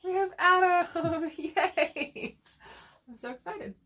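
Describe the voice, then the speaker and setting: A woman with an extremely high pitch takes her time, her voice pushed and bright. She co-hosts a casual couple chat channel, speaking through a lingering cough around a cough drop, with lots of laughter and restarted sentences.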